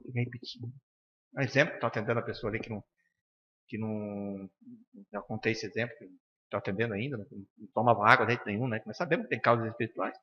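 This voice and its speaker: Brazilian guy from curitiba teaching a spiritist class, talks fast and blunt, acts out little dialogues, muffled lo-fi sound bouncing round a hall. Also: lowish voice. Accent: Brazilian Portuguese, from Curitiba. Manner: animated, acts out dialogues with patients; blunt and firm, frequent "né?" tags. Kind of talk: informal classroom lecture. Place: spiritist center lecture room. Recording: dull lo-fi sound with long hall reverb.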